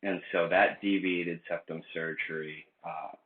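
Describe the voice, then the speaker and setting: A man in his late twenties with a very low voice rambles through a casual, unplanned video diary, full of ums and restarts. The sound is thin and phone-like, and the bare room around him echoes. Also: fairly even intonation, measured pace. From United States. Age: late 20s. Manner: rambling, many fillers and restarts. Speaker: vlogger. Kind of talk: casual unscripted vlog. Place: indoor room.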